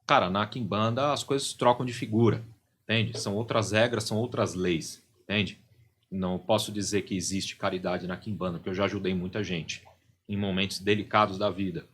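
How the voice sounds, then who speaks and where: A man's voice: lowish voice, steady tone, brisk, a bit bright, slight background noise. A middle-aged man, a podcast guest and religious leader, explaining at length in a casual studio chat and constantly checking in with "right?" and "you know?". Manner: explanatory, constantly tags phrases with "né?" and "entende?".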